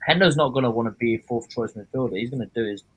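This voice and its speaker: A man with a husky, mid-pitched voice chats as a football watchalong panellist. He gives his opinions in an informal, conversational way. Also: quick pace, rough recording. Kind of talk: casual opinionated football chat.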